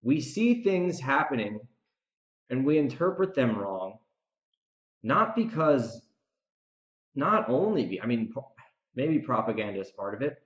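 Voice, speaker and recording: A man hosts a podcast on his own, offering reflective recap commentary that drifts into a rant, hammering points with emphatic, repeated phrases. His pitch is ordinary for a man, and he speaks a little slowly in a sing-song way with long pauses. The recording sounds roomy and somewhat dull, with noticeable echo.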